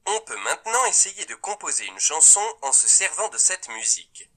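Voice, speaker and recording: A man giving scripted instructions and praise to a child in a learning app, in a steady, encouraging way. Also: on the high side. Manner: slow, cheerful praise to a child.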